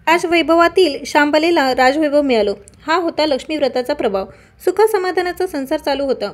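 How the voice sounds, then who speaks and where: A woman narrating a devotional folk tale in a steady, measured storytelling manner. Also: high-pitched.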